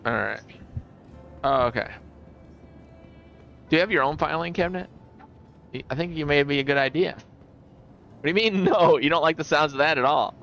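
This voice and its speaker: A man's voice: a little high, brisk, creaky, pauses often, sharp tone, dull audio, soft background music. A middle-aged man hosting a casual gaming livestream, rambling and chuckling as he tells stories. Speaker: livestream host.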